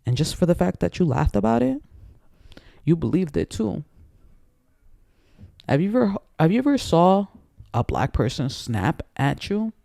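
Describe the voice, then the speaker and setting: A man's voice: sits high, very animated, measured pace, creaky, long pauses, mellow, no echo, studio quality. A man in an angry, profane, rambling personal rant to camera, repeating himself as he gets worked up. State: emotionally worked up.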